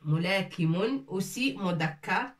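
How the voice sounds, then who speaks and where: Heard from a distance in an echoey room, a female Arabic teacher explains slowly in French, mixing in Arabic terms. Her medium-pitched voice is animated yet unhurried, as she patiently repeats every word and makes sure the class keeps up.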